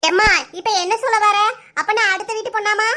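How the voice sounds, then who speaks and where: A woman with a Kanyakumari Tamil accent voicing an outspoken young married daughter in a cartoon, arguing with quick retorts. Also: extremely high pitch, fairly even intonation, bright, forceful tone.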